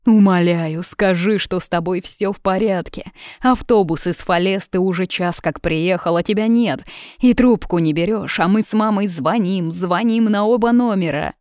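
A woman voicing a gruff, protective middle-aged father who grills his daughter's boyfriend over the phone. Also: lowish voice, expressive, measured pace, darkish tone, no echo, studio quality. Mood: pleading. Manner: blustering, protective, interrogating.

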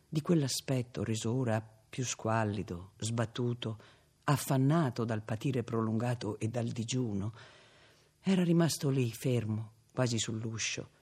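A man giving a measured, dramatic reading of a classic novel as an audiobook. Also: mid-range voice, a little mellow, husky. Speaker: audiobook reader. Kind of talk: literary narration.

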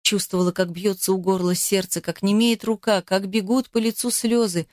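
A woman reads a first-person novel aloud, putting strong feeling into the narration. Her voice sits at a middle pitch, and the recording is dry, with no room echo. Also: moderate pace. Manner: emotional, expressive reading. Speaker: audiobook narrator.

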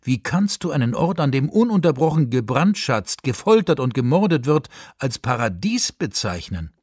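Guy voicing upset man arguing with god, pitched up and pleading, dry close mic. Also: animated, takes it slowly, a little mellow, no echo. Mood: indignant. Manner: agitated, raised and pleading. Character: an ordinary man, indignant, earnest questioner. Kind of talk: story reading for radio.

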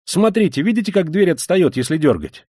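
A man reading an audiobook, voicing an excitable young law student who talks loudly and insistently. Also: sits high, breathy edge, no room sound, studio quality, pitched above the performer's own voice. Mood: eager, urgent. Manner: loud, quick, insistent.

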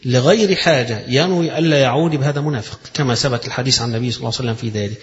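A man's voice: mid-range voice, very fast. A man with an Egyptian accent giving a religious lecture, reading a passage and then explaining it in colloquial speech, repeating phrases to show their pronunciation. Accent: Egyptian Arabic. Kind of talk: lecture explaining a read-out text. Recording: echoey hall, dull lo-fi sound.

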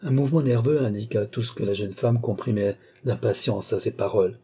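Dark-voiced male audiobook narrator. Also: on the low side, a little fast, husky. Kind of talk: scripted narration.

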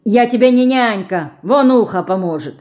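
A woman voicing a gruff, threatening grown outlaw man in an audiobook. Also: a little high, animated, moderate pace, lo-fi sound, pitched above the performer's own voice, natural voice. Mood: mocking. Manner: rough, threatening.

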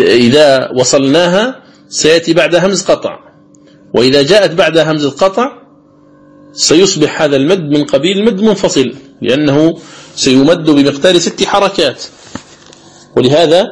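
A man teaching the rules of Quran recitation in a recorded lecture, explaining patiently, repeating key phrases and drawing out the recited examples slowly. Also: on the high side, slightly rough, poor audio. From Algeria.

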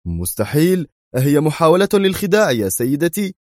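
A man's voice: lowish voice, animated, a little fast, dark tone, no room sound, studio quality, natural voice. A man voicing a nervous, irritable male museum director. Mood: indignant. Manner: nervous, indignant.

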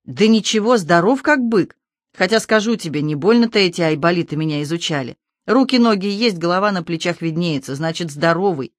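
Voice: mid-range voice, animated, fairly quick, no room sound, studio quality, natural voice. A reader voicing a cheeky young man who jokes with his worried mother in a teasing, breezy way.

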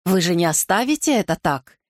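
A woman's voice: lowish voice, very animated, fairly quick, no echo, clean studio sound. A woman reader voicing a proud, jealous young royal lady who speaks heatedly and pleads. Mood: indignant.

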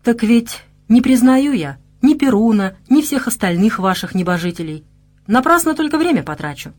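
A brash young male warrior speaks with a mocking, flippant edge, as a woman narrator plays him. He sounds quick to tease and slow to take things seriously. It is a plainly read audiobook role. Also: fairly high pitch, expressive, darkish tone, pitched above the performer's own voice. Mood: doubtful. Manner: teasing, flippant.

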